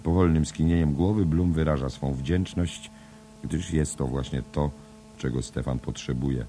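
A man reading a novel written as a play, measured and even, reading the stage directions aloud. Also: extremely low pitch, slight background noise. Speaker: audiobook reader. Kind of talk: scripted narration of a play-like novel.

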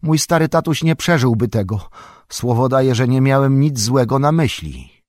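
A man's voice: medium pitch, animated, normal speed, darkish tone, no room sound, studio quality, pitched above the performer's own voice, close to an everyday voice. A man voicing a frightened young male hobbit gardener who pleads eagerly. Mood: pleading.

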